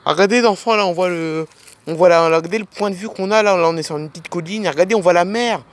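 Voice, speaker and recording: A man's voice: high voice, fast. A man narrating a playful toy film as a dad, pointing things out to the kids with enthusiasm.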